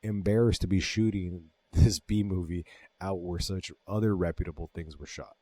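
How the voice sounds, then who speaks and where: A man with a very low voice co-hosts a casual podcast. He recaps a movie with lots of swearing and enthusiasm. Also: steady tone, moderate pace, dark tone, husky, dry recording. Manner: profane, enthusiastic retelling. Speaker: podcast co-host.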